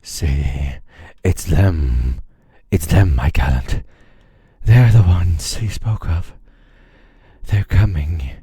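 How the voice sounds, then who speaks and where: A man's voice: sits low, extremely slow, mellow, husky, no room sound, studio quality, full character voice. A man voicing a paranoid advisor who pleads frantically for the knight to shoot the strangers. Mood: frantic pleading. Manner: frantic, pleading, urging violence.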